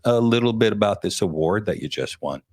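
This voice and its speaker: A man's voice: lowish voice, animated, a little fast, no echo, studio quality. A man hosting a casual interview, chatty and joking as he thinks aloud. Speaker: interview host.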